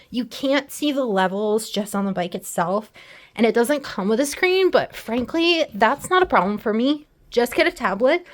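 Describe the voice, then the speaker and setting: Woman, fairly high voice, casual candid vlog reviewer, a little out of breath on an exercise bike at home. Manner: chatty, candid, self-deprecating. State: slightly out of breath from pedaling. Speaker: product reviewer.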